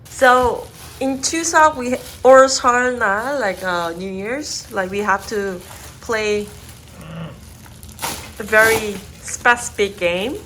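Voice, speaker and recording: A woman's voice: fairly high pitch, takes it slowly, noisy background. A Korean woman with an accent, a vlog host at home explaining food and a board game to her partner in simple, playful English. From South Korea.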